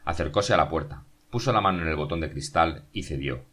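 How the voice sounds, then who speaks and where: A man narrating a novel as an audiobook, in a steady, measured reading. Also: rumbling low, slightly rough.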